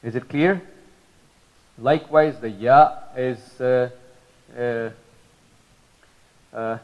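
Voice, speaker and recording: A man's voice: mid-range voice, drawn-out words, dull audio. A man teaching Arabic pronunciation in a religious lesson, patiently repeating model sounds with many fillers.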